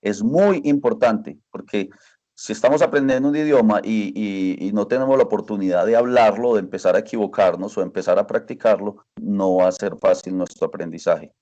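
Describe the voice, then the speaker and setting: A man's voice: on the low side, brisk, mellow, lo-fi sound. A man answering interview questions as a language teacher, earnest and repeating phrases for emphasis.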